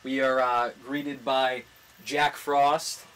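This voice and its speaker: A man in his twenties, drunk, hosting a podcast with crude, deadpan jokes in an irreverent casual chat. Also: medium pitch, slow pace. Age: 20s. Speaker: comedy podcast host. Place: small indoor studio with green backdrop. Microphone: large desktop studio microphone.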